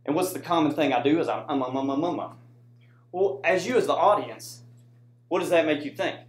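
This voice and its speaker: A brisk American man with a fairly high pitch, a soldier serving as a student presenter, runs an informal classroom presentation with slides. Conversational throughout, he keeps checking in with the audience through "right?" tags, in an echoey indoor room.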